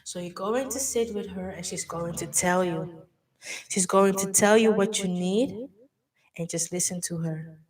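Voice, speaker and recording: A woman's voice: lowish voice, unhurried, a little mellow, far from the mic. A woman leading a guided visualization in a dreamy, gushing way, full of fillers. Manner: dreamy, gushing, talks with many "like"s. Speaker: meditation guide.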